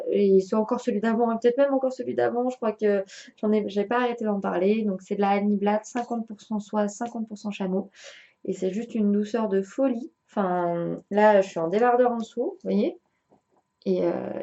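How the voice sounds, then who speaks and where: A woman's voice: medium pitch, dark tone, dull audio. A young woman chatting casually to camera on her knitting podcast, full of fillers and giggly asides.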